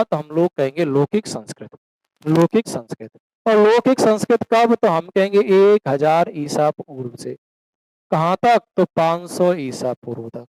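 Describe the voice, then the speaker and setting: This coaching teacher has a high, slightly mellow voice, captured in a rough recording with no room sound. He delivers a classroom lecture by posing questions and answering them himself, calling his students "beta" and switching into rural dialect for examples.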